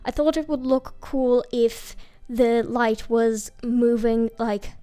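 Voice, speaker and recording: Woman chatting over her art process, kinda high voice, lots of ums and restarts, pokes fun at herself. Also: fairly even intonation, slow pace, mellow. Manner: rambling and hesitant, many fillers and restarts; self-mocking, laughs at herself. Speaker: digital artist. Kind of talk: casual voice-over commentary while drawing.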